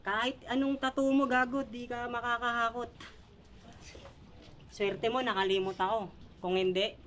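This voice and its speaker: Young woman battle rapper, slightly high voice, cheeky mocking insults. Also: fairly even intonation, moderate pace, a bit bright, slight background noise. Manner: mocking, laughing trash talk. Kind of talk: live rap battle verses. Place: bar venue, live event.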